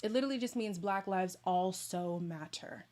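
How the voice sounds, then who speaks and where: A woman's voice: lowish voice, moderate pace, darkish tone. A woman hosting a casual livestream, giving emphatic, opinionated commentary in a sassy way. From Toronto, Canada. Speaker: livestream host.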